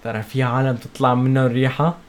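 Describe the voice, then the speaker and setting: A man's voice: medium pitch, level tone, quick pace. A man with a Syrian Arabic accent in casual podcast banter with his friends as a co-host.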